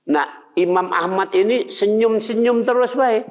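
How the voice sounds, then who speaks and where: An older Indonesian preacher gives a conversational sermon in a mosque hall, putting questions to his audience. His voice sits high and he speaks unhurriedly. The recording sounds dull, with the hall's long reverb.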